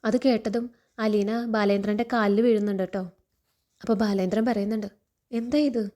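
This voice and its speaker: A woman's voice: medium pitch, level tone, a little fast, warm tone. A woman casually retelling a serial episode, chatty and tagging her lines with asides to the listener. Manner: chatty, tags lines with "you know". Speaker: serial recap narrator.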